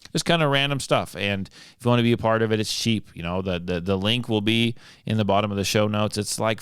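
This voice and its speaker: Rambling middle-aged man, slightly hoarse. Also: lowish voice, no room sound, studio quality. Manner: rambling, repeats words, many restarts. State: losing his voice. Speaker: podcast host. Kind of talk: casual solo podcast talk.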